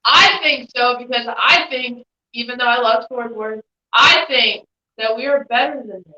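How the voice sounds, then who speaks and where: A bubbly woman joins the stream as a guest over a video call, her voice a touch high. The sound is distant and roomy, with dull, lo-fi audio. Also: moderate pace, pushed and bright.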